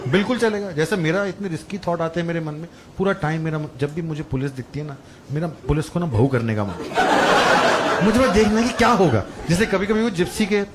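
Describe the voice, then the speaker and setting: A man's voice: a little high, lively intonation, brisk. A young man performing a stand-up comedy set on a club stage, telling stories in a chatty, crude style. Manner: conversational storytelling, crude punchlines. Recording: loud crowd laughter and room noise. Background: audience laughing.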